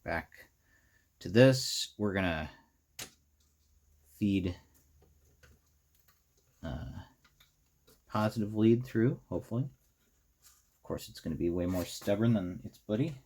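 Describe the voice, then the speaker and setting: A low-voiced American man hosts a hobby electronics how-to series, giving a casual, unscripted hands-on tutorial while thinking aloud. He's halting and rambling, talking to himself as he works, with lively intonation and a darkish tone.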